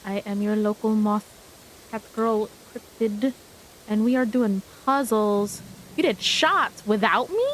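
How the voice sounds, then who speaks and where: A woman livestreamer chatting casually as she plays, with a cute, bubbly, animated anime-streamer delivery. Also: mid-range voice, a little slow, rough recording. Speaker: streamer hosting a game livestream. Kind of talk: casual livestream chat while playing puzzle games. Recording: clear hiss of steady background noise.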